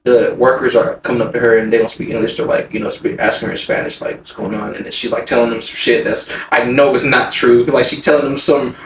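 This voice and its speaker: Animated man telling a story, roomy sound. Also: fast, few pauses. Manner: animated, swearing, voice jumps high when retelling anger. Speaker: podcast co-host. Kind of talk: casual storytelling chat. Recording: roomy sound, mic a bit far, faint noise.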